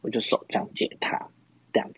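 A young Taiwanese man hosting a podcast tells a rambling, self-mocking story in casual conversation, restarting often and laughing a lot. His voice is brisk and a little bright. The audio is poor but dry, with no room sound.

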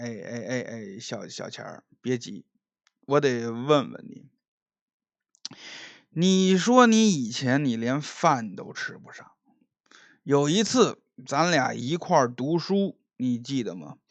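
A man doing a drunken, sneering young gentleman bully. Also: mid-range voice, no echo, lo-fi sound. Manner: mocking, taunting, stammering.

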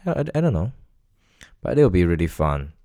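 A young man with a thick foreign accent and non-native English, talking casually and haltingly as he hosts a solo podcast. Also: low voice, big pitch swings, mellow, no room sound, studio quality. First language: not English. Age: young adult. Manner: halting, searching for words. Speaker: podcast host.

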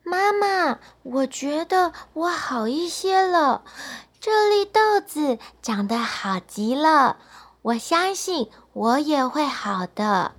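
A woman doing a frail, hushed sick little girl. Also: high-pitched, lively intonation, takes it slowly. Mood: soft, hopeful.

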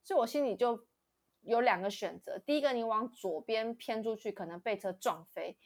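Animated young woman telling a story. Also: a little high, moderate pace. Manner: animated, laughs often, acts out quoted voices. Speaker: podcast co-host. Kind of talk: casual storytelling chat.

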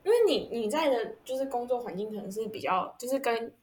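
一位带台湾口音的年轻女生，以轻松聊天的方式访谈对方，说话常夹带语气词和停顿，声音偏高。背景有微弱的环境杂音。. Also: female voice, on the high side, animated, darkish tone, a little hiss or hum. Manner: chatty, many fillers and trailing pauses. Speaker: interviewer. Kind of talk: casual chat.

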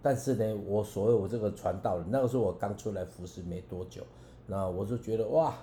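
A man, a preacher and songwriter giving an earnest, halting personal testimony as a radio guest, with many restarts. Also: on the low side, mellow, reverberant, slight background noise.

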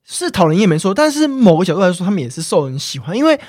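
A man's voice: high-pitched, very animated, very fast, darkish tone. A man, co-hosting a casual chat and chiming in with short agreements and jokes. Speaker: podcast co-host.

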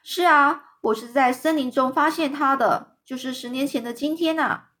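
A woman's voice: sits high, moderate pace, a bit bright. A woman voicing a kindly peasant woodcutter who answers earnestly, in a children's storybook reading.

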